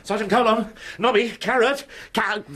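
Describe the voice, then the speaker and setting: A man's voice: high voice, steady tone, normal speed, noisy background, natural voice. A man playing a weary, sardonic watch captain. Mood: dry. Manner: dry, exasperated.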